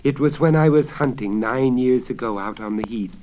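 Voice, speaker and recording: A man's voice: medium pitch, moderate pace, dark tone, lo-fi sound, lightly acted. A man voicing a desperate, lovesick king with impassioned, commanding theatrical delivery in a storybook reading on crackly vinyl. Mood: wistful. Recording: crackly 1970s vinyl spoken-word record.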